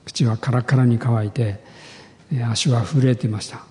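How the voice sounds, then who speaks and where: A man, a pastor, giving an earnest sermon testimony, telling his story in a measured way with rising emphasis. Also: medium pitch, fairly even intonation, dark tone, in a large hall.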